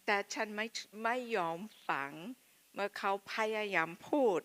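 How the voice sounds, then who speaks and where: A woman who is not a native speaker gives a missionary testimony in simple, halting phrases. She speaks slowly and unhurriedly. Her tone is bright and clear. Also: medium pitch. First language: not Thai. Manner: simple, halting learner's Thai in short phrases. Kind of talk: personal testimony through an interpreter.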